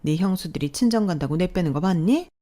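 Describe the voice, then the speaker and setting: A woman plays a domineering older mother-in-law in a radio drama, all harsh commands and scolding. She snaps at her son and daughters-in-law with sharp, bossy authority. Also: lowish voice, lively intonation, fast talker, lightly acted.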